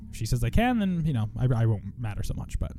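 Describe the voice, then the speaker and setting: A man's voice: mid-range voice, big pitch swings, quick pace, dark tone, faint music behind. A young man hosting a podcast in casual chat, rambling, swearing and poking fun at himself. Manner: profane, rambling, self-mocking. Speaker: podcast host.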